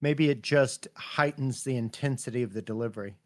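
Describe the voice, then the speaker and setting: A man co-hosting a casual livestream, explaining slowly and thinking aloud. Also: medium pitch, dry recording, studio quality. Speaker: co-host. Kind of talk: casual livestream workshop chat.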